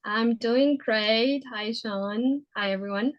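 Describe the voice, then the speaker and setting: A woman in her thirties from Poland with a Polish accent, telling her story as an interview guest with many pauses and fillers. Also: on the high side, dull audio. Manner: hesitant, many fillers and restarts. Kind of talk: casual interview.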